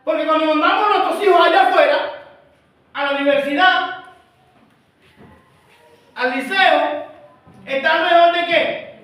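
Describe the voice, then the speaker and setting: A man's voice: very high voice, unhurried, pauses often, a bit bright. A male pastor preaching a sermon, emphatic and full of rhetorical questions put to the congregation. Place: church. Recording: echoey church hall from far off, faint noise.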